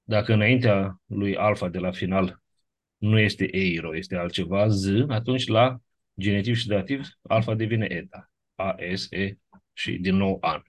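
Man, teacher, classroom lecture, methodical, slightly low pitch, faint clicking behind. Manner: methodical, checks with short tag questions. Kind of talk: classroom lecture reviewing grammar.

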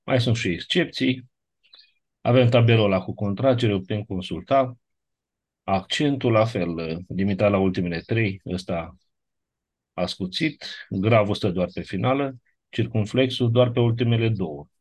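A man with a fairly low, slightly mellow voice reviews grammar in a classroom lecture. He works methodically through the rules, checking understanding with short tag questions.

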